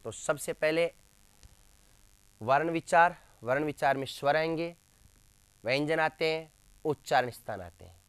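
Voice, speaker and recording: A male teacher with a somewhat high, slightly bright and smooth voice lectures a class at a measured pace with long pauses. He poses questions and answers them himself, emphatically repeats key terms, and addresses his listeners as friends. There's no room sound.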